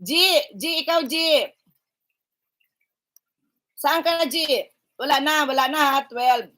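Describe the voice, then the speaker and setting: A woman's high, fairly bright voice moves at a slow pace as she greets viewers on a casual livestream. She teases and banters with them, mixing in phrases of English.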